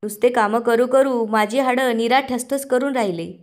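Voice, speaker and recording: A woman's voice: a little high, normal speed, close to an everyday voice. A woman reading Radha vahini, a grumbling housewife.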